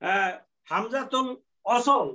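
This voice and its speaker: Slow-talking male teacher, lo-fi sound. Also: very high-pitched, sharp tone. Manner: slow, repetitive explaining with many fillers; mixes English terms into his teaching. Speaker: Arabic teacher. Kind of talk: classroom lecture. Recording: dull lo-fi sound.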